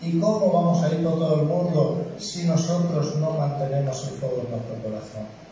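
Pastor, male, mellow dark tone, heartfelt conversational sermon, recorded far off in a reverberant church. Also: fairly high pitch, normal speed, slight background noise. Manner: conversational preaching with frequent tag questions; emotional, tearful. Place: church hall.

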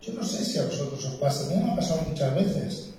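A man preaching a sermon with a Spain Spanish accent, earnest and emphatic, swinging between loud declarations and hushed words. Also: on the high side, expressive, quick pace, noisy background. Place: church. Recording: very roomy church hall from a distance.

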